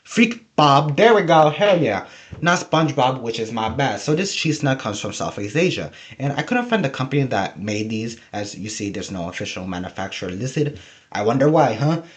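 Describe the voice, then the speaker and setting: A man's voice: medium pitch, sing-song, moderate pace. A man giving casual, humorous, rambling video commentary, often interrupting himself, who says a w-like sound for r. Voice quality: trouble pronouncing R, says w-like sound for r. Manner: rambling, jokey, self-interrupting. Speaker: video host.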